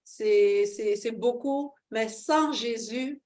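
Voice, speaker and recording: Her voice on the high side, a middle-aged woman unhurriedly shares a personal testimony of faith as an interview guest. She speaks fervently and expressively, with many fillers and frequent laughs.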